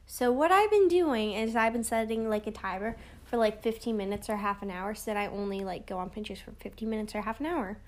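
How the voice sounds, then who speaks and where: A teenage girl co-hosting a casual podcast, teasing and quick-witted, saying "like" often, recorded on a phone. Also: mid-range voice. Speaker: podcast co-host. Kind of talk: casual chat.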